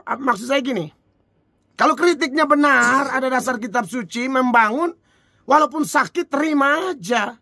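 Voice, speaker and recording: Man, preacher, informal sermon, high bright voice, dry close sound, rhetorical and chuckling. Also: no echo. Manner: rhetorical questions, chuckling, lively.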